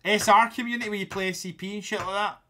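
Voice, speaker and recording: A man with a Scottish accent streaming a game, chatting to his viewers in a sweary, excitable way that breaks into shouting. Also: sits high, fast talker, slight background noise. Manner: sweary, loud and excitable, shouting when riled. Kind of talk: casual gaming stream chat.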